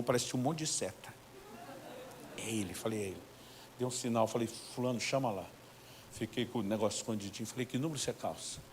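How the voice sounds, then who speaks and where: A man's voice: medium pitch, slight background noise. A man with a Brazilian Portuguese accent, a pastor preaching and telling stories, acting out the dialogue. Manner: animated, acts out dialogue with God and church members. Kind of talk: sermon storytelling.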